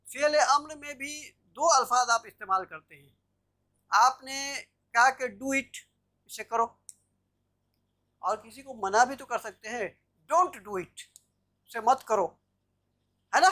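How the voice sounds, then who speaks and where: With a high, expressive, fairly bright voice, this teacher walks students through Arabic grammar slowly in a live video-call class, pausing often. She keeps checking their understanding with "theek hai na" as she explains each step.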